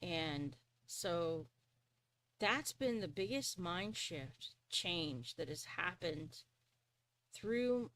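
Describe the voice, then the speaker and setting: A woman's voice: lowish voice, expressive, drawn-out words, a bit bright. A woman hosting a live stream, earnestly telling a personal story, often chuckling and restarting her sentences.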